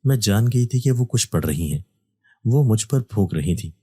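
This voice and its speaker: A man narrating a first-person horror story in a steady, even storytelling delivery. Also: fairly low pitch, husky.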